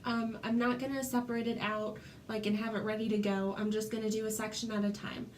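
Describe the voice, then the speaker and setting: Her voice is a little high with little pitch movement, and she speaks briskly against slight background noise. She's from Florida, stuffed up with a cold, and chats casually with lots of "um"s while demonstrating a hair tutorial at home.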